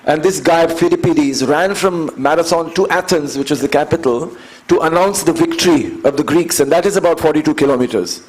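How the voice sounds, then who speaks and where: In a conversational storytelling interview, an endurance athlete in his fifties appears as the guest, speaking Indian English in a slightly high voice. He is earnest and measured, repeating phrases to build his points, and the audio quality is poor.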